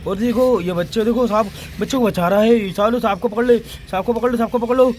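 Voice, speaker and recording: High-voiced man narrating toy play for kids. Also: a little fast, a little mellow, slight background noise. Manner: eager, repetitive, addresses children constantly.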